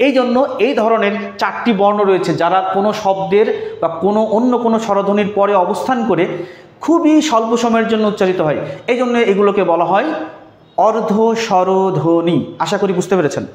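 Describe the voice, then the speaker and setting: A man's voice: high voice, fast talker, a little mellow, roomy sound. A man teaching a live online grammar class, repeating key points and quizzing his listeners as he goes.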